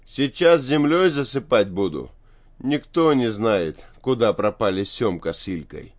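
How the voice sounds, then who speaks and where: A man's voice: on the low side, expressive, a little slow. A man doing a sly old taiga healer. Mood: sly mocking.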